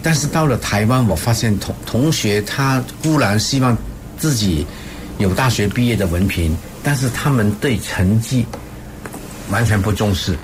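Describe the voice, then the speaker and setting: An older man, a professor, answering interview questions in a hesitant, halting conversational way. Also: fairly low pitch. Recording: clear background ambient noise.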